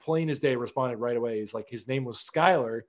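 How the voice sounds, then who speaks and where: A man's voice: medium pitch, a little fast. Casting: young man, podcast host, easygoing rambler, slightly muffled lo-fi sound. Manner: laid-back, filler-heavy rambling. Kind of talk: casual sports chat. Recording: slightly dull lo-fi audio.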